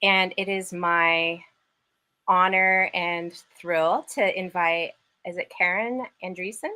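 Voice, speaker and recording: Bright, chatty woman podcast host. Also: fairly low pitch, steady tone, takes it slowly, rough recording. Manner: enthusiastic and chatty. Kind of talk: casual live-stream interview.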